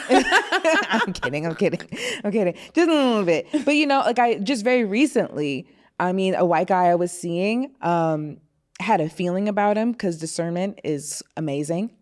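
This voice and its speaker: Speaking at a moderate pace in an animated, mid-range voice, she chats candidly as a podcast guest. This young Floridian laughs a lot and drops in fillers such as "you know" throughout the casual conversation.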